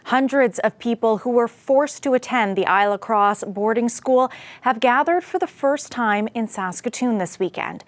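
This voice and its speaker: A woman anchoring an evening news broadcast, reading a scripted report in a steady, clear manner. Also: on the high side, normal speed, no room sound.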